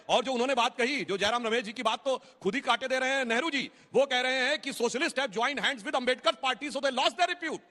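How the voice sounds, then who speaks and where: A man on a TV debate panel, measured, quoting documents and citing sources. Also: high voice, bright, forceful tone, long reverb tail. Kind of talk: TV debate argument.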